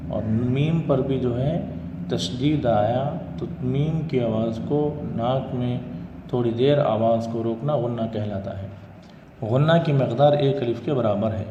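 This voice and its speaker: A man teaching a Quran recitation lesson, explaining the rules slowly and drilling syllables aloud again and again. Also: medium pitch, warm tone, muffled recording. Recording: echoey room with long reverb, faint hiss.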